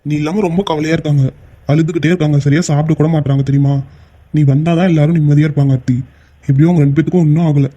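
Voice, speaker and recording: A man's voice: a little high, fairly even intonation, rapid-fire, dark tone, highs cut off, close to an everyday voice. A man voicing a caring, protective older brother in a cartoon, speaking reassuringly.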